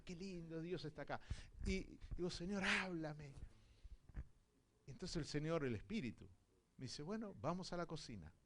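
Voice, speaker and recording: A man from Argentina with an Argentine accent preaching a sermon, telling stories and acting out dialogue, swinging from hushed to loud. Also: fairly high pitch. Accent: Argentine Spanish. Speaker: visiting apostle preaching.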